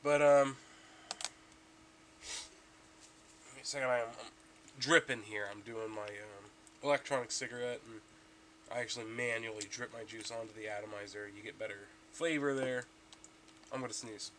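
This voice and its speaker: A man's voice: fairly low pitch, steady tone, fairly quick, a bit bright, slight background noise. A young man rambling casually about his gaming progress as a podcast host, stuffy from allergies, with lots of ums and restarts.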